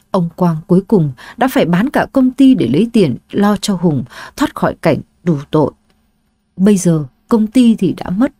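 Lady reading a late-night story, steady and dramatic, super dry close mic. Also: lowish voice, dry recording. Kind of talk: scripted audiobook narration.

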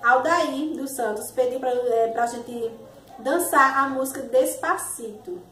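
Young Brazilian woman, high voice, casual challenge-vlog host, recorded away from the mic. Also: unhurried, a bit bright. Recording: roomy, distant mic, faint noise.

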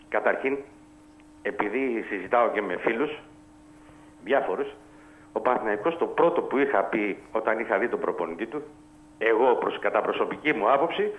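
A man calling in to a radio show, talking football in a heated, emphatic and blunt way. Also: medium pitch. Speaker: radio caller. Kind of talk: heated call-in football talk. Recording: tinny phone line.

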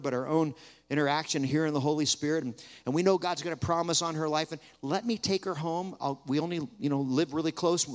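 A man preaching at an evening camp gathering, telling a story in a conversational way, sometimes dropping to a hushed retelling and sometimes rising with energy. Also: fairly high pitch. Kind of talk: sermon with storytelling. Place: large hall at a camp gathering. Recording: long hall reverb.

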